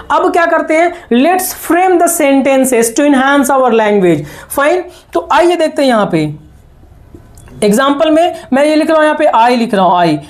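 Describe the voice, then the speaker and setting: A man teaching spoken English with an Indian accent. He explains in quick bursts and repeats drill sentences slowly. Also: very high-pitched.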